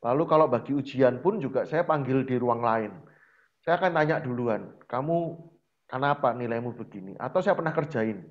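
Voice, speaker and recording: On a lo-fi recording, a man who teaches storytelling tells stories conversationally in an interview, animated and frequently performing the dialogue himself. He speaks at a normal speed with a medium-pitched voice.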